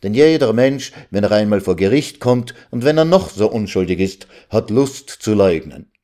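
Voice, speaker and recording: A man's voice: on the low side, expressive, moderate pace, warm tone, close to an everyday voice. A man voicing a condescending village lawyer who lectures others on the law. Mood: lecturing. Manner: lecturing, know-it-all. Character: know-it-all old village lawyer, condescending.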